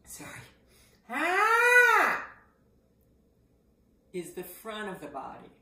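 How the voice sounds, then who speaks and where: A middle-aged woman teaches voice resonance slowly and deliberately. Her lowish voice has a bright, forward ring, and she shows each exercise with loud vocal sounds. The room adds a clear echo. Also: animated. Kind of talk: voice exercise lesson. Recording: echoey room.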